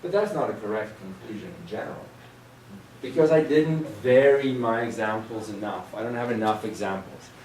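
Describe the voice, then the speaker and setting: A man's voice: lowish voice, moderate pace, darkish tone, slight background noise. Man lecturing math in an echoey room. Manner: explains patiently with examples, trails off and restarts. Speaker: math instructor. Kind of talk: recorded classroom lecture. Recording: roomy lecture room, distant mic.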